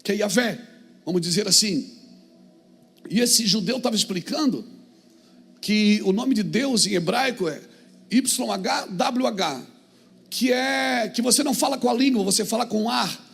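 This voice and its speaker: A male pastor preaching a sermon. He moves from calm talk to fervent shouts and calls out to the congregation. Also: high voice, measured pace, creaky, pauses often, breathy edge.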